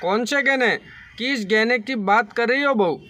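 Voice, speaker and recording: A man's voice: extremely high pitch, unhurried, pushed and bright, heavily acted. A man voicing a scheming middle-aged mother-in-law who defensively feigns innocence in a spoken story.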